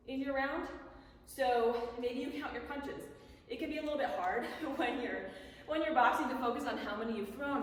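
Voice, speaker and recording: Woman coaching in a very echoey hall. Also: high voice. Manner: casual, conversational explaining. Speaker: boxing coach. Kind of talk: instructional talk on bag drills. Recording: echoey hall, distant mic, faint noise.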